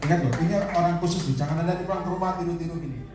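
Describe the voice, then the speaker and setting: A male evangelist preaching a lively sermon, telling stories, quoting people and joking with the congregation. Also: fairly high pitch, rapid-fire, far from the mic, a crowd in the background. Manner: animated, storytelling, quotes people in little voices, jokes with the congregation. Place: large worship hall. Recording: echoey hall, from afar, faint hiss.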